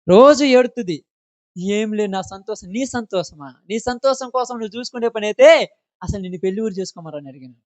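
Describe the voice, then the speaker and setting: Impassioned high-voiced pastor. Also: male voice, dry recording. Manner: impassioned, scolding rhetorical questions to the congregation. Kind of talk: sermon.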